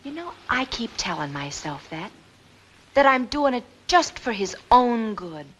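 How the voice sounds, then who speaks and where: A woman's voice: fairly high pitch, very animated, measured pace, slight background noise, poor audio. An actress playing a brash, street-smart young woman who talks in slang. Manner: slangy, brassy.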